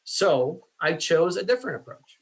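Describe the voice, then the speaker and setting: A man teaching statistics in a casual, self-deprecating way, with many fillers, his voice going hoarse. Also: fairly high pitch, big pitch swings, moderate pace, rough recording. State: losing his voice. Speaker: statistics instructor. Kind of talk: screen-share lecture.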